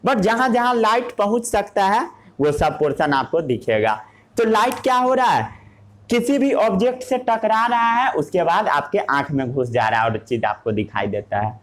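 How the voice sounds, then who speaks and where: A man's voice: sits high, big pitch swings, normal speed, fairly bright tone. A male teacher giving a classroom science lesson. He asks rhetorical questions, answers them himself, and mixes English terms into his Hindi.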